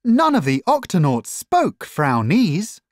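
Slow, lilting storybook reader. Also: medium pitch, huge pitch swings, dry recording, studio quality. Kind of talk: children's book read aloud.

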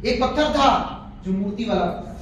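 Motivational speaker, man, high voice, lively and jokey, very roomy hall from far off. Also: normal speed. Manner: energetic, jokey and preachy. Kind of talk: live motivational speech. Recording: very echoey hall, distant mic, faint noise.

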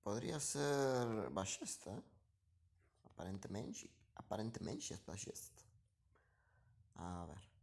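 A man's voice: on the low side, lively intonation, takes it slowly, gravelly, pauses often, darkish tone. A man giving live commentary over his own gameplay, muttering asides and repeating short phrases as the action swings. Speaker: gaming streamer.

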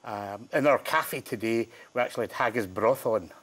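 A man, a chef doing a cooking demonstration on TV, relaxed and hesitant with dry humour. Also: medium pitch, normal speed. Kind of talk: TV cooking demo.

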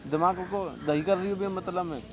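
Worried insistent high-voiced man. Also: fairly even intonation, brisk. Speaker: prank target. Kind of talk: casual home video talk. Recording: noisy home video recording.

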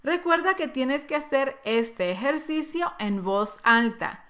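A woman leads a vocabulary drill, pronouncing each word with slow, careful enunciation. Her voice is bright and a little high, and her intonation rises and falls with lively movement. She speaks at a very unhurried pace. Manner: slow, deliberate enunciation of single words. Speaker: English teacher. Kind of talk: vocabulary drill, word then Spanish translation.

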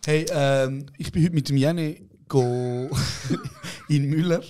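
A young man hosts a casual podcast in a Swiss German accent. His voice sits a bit high for a man, and he tells stories with lots of laughter, quoting people along the way. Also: takes it slowly. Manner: laughing storyteller, animated quoting. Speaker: podcast host. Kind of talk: casual chat.

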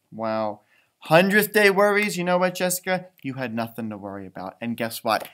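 In a school library, a storytime host and teacher in his thirties reads expressively to kids, pausing for chatty asides and wondering exclamations. His voice sits on the high side and sounds a bit bright.

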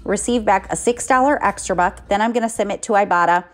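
A woman's voice: medium pitch, fast talker. A middle-aged woman narrates her shopping run in an easygoing, chatty way, counting out prices and savings one item at a time. She talks into a phone she holds herself as she walks through a store. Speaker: couponing vlogger. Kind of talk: casual shopping vlog narration. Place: inside a drugstore, walking the aisles.

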